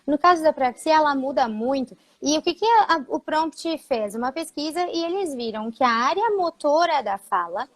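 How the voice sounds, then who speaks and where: A woman's voice: sits high, animated, moderate pace, few pauses. A woman speech therapist, explaining patiently in a live talk, with frequent fillers.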